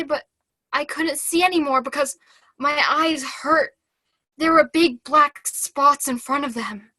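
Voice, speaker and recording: Over a video call, a young woman performs a troubled, devout nun in her teens. Her voice is high, bright and childlike, and her delivery is slow, halting, earnest and fragile, like a stage monologue. The audio is close and dry, without echo.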